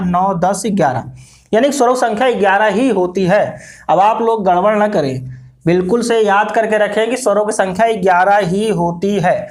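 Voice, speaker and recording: A man from India with an Indian accent teaching a grammar lesson, repeating phrases slowly as he writes and asking and answering his own questions. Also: high-pitched. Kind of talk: classroom grammar lesson at a board.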